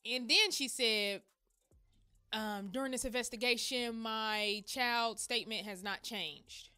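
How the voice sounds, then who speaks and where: A woman's voice: fairly high pitch, takes it slowly, sharp tone, clean tone. A woman hosting a casual gossip commentary vlog, blunt and exclamatory, talking straight to her viewers. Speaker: host of a gossip commentary channel.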